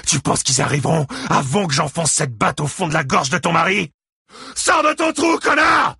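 A man voicing an enraged, grieving father who bellows threats and insults, pitched far above his own voice. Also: lively intonation, normal speed, creaky, bright, forceful tone, breathy edge, shouting, exaggerated voice. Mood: raging shouts.

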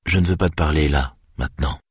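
A man reading aloud, voicing a young man who flatly ends a relationship. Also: very deep voice, fast talker, slightly rough, dry recording, clean studio sound, full character voice. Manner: flat, withdrawn.

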